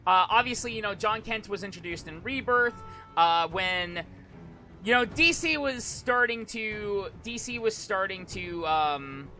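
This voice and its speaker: A man's voice: high voice, animated, unhurried, pushed and bright, soft background music. A man streaming casual live commentary, rambling and hesitant, often repeating and restarting his phrases. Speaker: streamer, virtual YouTuber.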